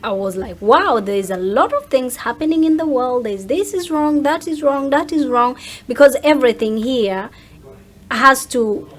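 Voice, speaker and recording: A woman with a Ugandan accent, a social media content creator, speaks casually as an interview guest, explaining things by acting out what others say. Her voice is high and animated, at normal speed.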